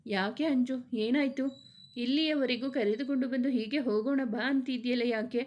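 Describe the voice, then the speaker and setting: A woman's voice: sits high, normal speed, muffled recording, lightly acted. Woman voicing a cheeky young office girl.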